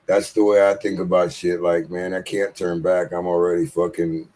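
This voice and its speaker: On a low-quality recording, a podcast host in his late forties chats casually with a guest in a relaxed, encouraging way, dropping plenty of swear words. He speaks at a moderate pace in a low, dark voice with flat delivery.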